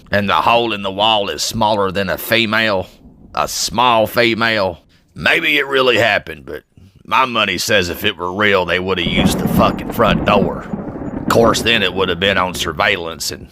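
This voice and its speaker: A man's voice: on the low side, bright, forceful tone, slight background noise. A man giving blunt, sarcastic, profane political commentary.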